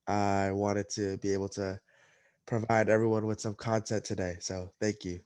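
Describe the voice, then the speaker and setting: A man's voice: fairly low pitch, level tone, normal speed, a little mellow, no echo, studio quality. A young man with a stuffy, nasal voice, co-hosting a casual football chat show while recovering from nose surgery. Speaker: podcast co-host.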